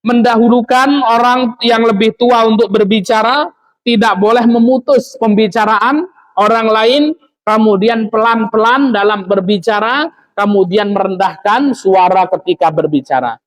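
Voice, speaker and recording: A man's voice: high voice, normal speed, poor audio. A man giving a religious study lecture as an Islamic teacher, talking in a conversational way with frequent tag fillers. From Lampung, Indonesia.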